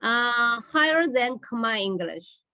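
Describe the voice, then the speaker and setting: A woman English teacher giving a classroom lesson, speaking deliberately, repeating words and often checking in with a short okay or all right. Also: a little high, expressive, sharp tone, no room sound. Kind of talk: slow classroom lesson with read-and-repeat drilling.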